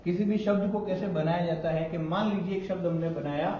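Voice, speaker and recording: A man's voice: high-pitched, steady tone, a little fast, heavy background noise. A man teaching a spoken English class, asking questions and prompting students to repeat after him. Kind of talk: live classroom lesson. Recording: echoey classroom from far off, muffled, class audible. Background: students in the room.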